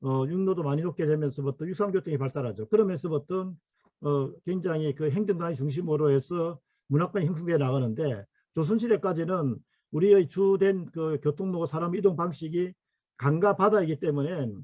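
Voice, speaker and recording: A middle-aged man lectures on regional history, his voice sitting a bit high for a man. He pauses often with fillers as he works through his slides. The sound is dry and somewhat muffled. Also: no room sound. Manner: halting, full of fillers, asks for next slide. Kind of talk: academic lecture to workshop attendees.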